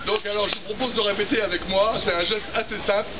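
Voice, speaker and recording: A middle-aged man with a French accent doing a theatrical market cry, projecting loudly and playfully to rouse an outdoor audience. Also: high voice, steady tone, fast talker. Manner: loud, projected, jokey, playful audience-rousing delivery. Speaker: market crier, street performer. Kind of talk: French market cry, theatrical open-air announcements to a crowd. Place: outdoor market square, standing on a wooden crate. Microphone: camera a few metres away. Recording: muffled outdoor recording, loud street crowd noise. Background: loud crowd and street ambience.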